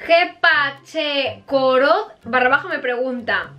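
A young Spanish woman with a high-pitched voice and a Spain Spanish accent, talking to her viewers in a casual question-and-answer vlog. She is lively and chatty, blunt and quick to swear.

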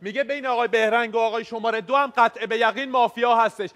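A man's voice: very high voice, fairly even intonation, a bit bright, long reverb tail. A man, a game show contestant, laying out his suspicions and accusing players. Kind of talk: heated argument at a game table.

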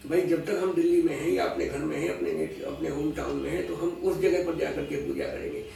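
A man's voice: fairly high pitch, wildly swooping pitch, fairly quick, creaky, warm tone, faint music behind. A man being interviewed as an astrology scholar, explaining patiently with everyday examples and slipping English phrases into his speech. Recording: echoey room, voice far from mic, faint noise.

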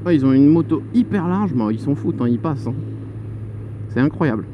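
A man's voice: fairly high pitch, expressive, brisk. A man in his twenties chatting and joking while he rides, often exclaiming in mid-sentence. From Paris suburbs. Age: 20s. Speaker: motovlogger. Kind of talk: casual vlog while riding a motorcycle. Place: motorcycle on city roads. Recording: lo-fi helmet mic with traffic noise. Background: traffic and horns.

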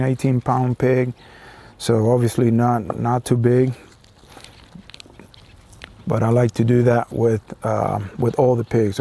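A man's voice: medium pitch, vocal fry, dark tone. A man in his forties from Puerto Rico with a Puerto Rican accent, explaining a recipe step by step in an easygoing way, with lots of fillers, outdoors on a patio with a lapel mic. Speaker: cooking demonstrator. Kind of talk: casual cooking demonstration. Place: outdoor patio beside a house.

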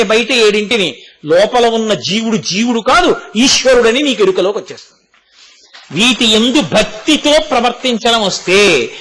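A man's voice: very high-pitched, bright, forceful tone. A man giving a devotional discourse, explaining with everyday examples and rhetorical questions. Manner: recites Sanskrit verses in a chanting cadence. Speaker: spiritual speaker.

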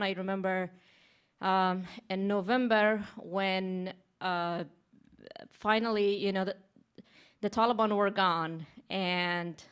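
A young woman from Afghanistan speaking at a podium microphone in a large conference hall, with many pauses and restarts. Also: mid-range voice, smooth. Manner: hesitant, many ums and restarts. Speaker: advocacy manager. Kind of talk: conference speech.

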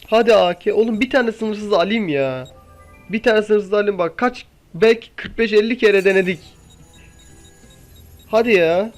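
A young man with a high voice talks through his gameplay in casual commentary. He keeps impatiently pleading and coaxing the game. Faint music plays behind him. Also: unhurried, long pauses. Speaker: gaming YouTuber.

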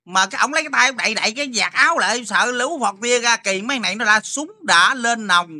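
A man with a very high voice and a Southern Vietnamese accent tells a story in casual chat at a quick pace. An animated storyteller, he stammers, repeating words as he stumbles along.

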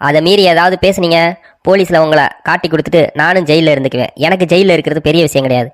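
A woman's voice: low voice, quick pace, natural voice. A woman voicing a sly, scheming male village thief in a cartoon, mocking and bullying. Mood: smug. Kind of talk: cartoon voice acting.

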